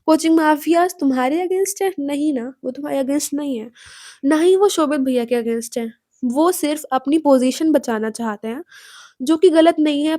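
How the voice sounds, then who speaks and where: A young woman speaks to her viewers in a high, soft-toned voice. She lectures directly and keeps pressing them with pointed questions. The sound is close and dry. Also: no room sound. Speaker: student commentator. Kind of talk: casual commentary to viewers.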